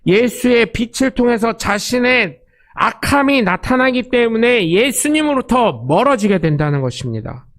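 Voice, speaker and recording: A male pastor delivers a sermon in a lively storytelling way, acting out the lines of the people in his stories. His voice sits fairly high for a man. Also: moderate pace. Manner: storytelling, animated, acts out quotes.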